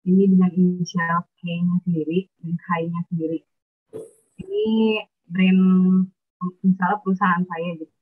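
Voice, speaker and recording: A woman's voice: on the low side, expressive, unhurried, breathy edge. A woman student presenting hesitantly, faint as if the phone is held away. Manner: hesitant, many filler sounds. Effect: faint, choppy voice as if the phone is held away on a video call. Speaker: student presenting her work. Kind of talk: online class presentation. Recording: thin phone-like call audio.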